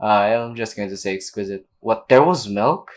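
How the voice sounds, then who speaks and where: This streamer's voice is a rumbling low one at a moderate pace, with a noisy background and game music behind her. Playing on stream, she teases and uses slang in her casual commentary, voicing the game's dialogue out loud.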